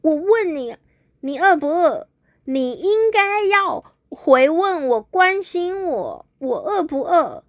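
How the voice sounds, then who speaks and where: A woman's voice: sing-song, slow, no room sound, clean studio sound, full character voice. A woman voicing a sulky, tearful young woman who is hurt and whines on the edge of tears. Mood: hurt, whining. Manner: high, whining, on the edge of tears.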